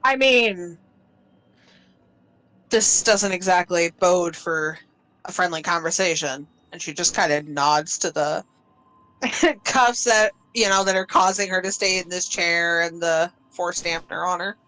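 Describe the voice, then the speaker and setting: A woman's voice: lowish voice, moderate pace, sharp tone, low-quality recording. A woman narrating her character's actions in a tabletop game, amused and giggling often. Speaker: player.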